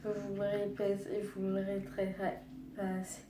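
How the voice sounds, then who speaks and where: A young woman speaking quietly and hesitantly in a personal vlog, subdued and sad, with halting, restarting sentences. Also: mid-range voice, completely flat delivery, roomy sound, distant mic, noisy background. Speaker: vlogger.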